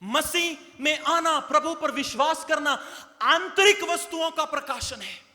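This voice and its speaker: Man preaching, very high bright voice, slow and deliberate delivery, long hall reverb. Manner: call-and-response preaching, asking the congregation to repeat. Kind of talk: sermon.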